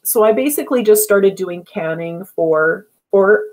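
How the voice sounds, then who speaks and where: A woman guest in a casual interview, telling stories in a chatty, animated way and laughing often. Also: medium pitch, a little slow, rough recording. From Canada.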